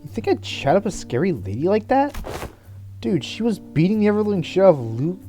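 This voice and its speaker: A man voicing a brash young man who teases loudly in slang. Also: high-pitched, very animated, brisk, faint music behind. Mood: teasing. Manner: loud, mocking, slangy.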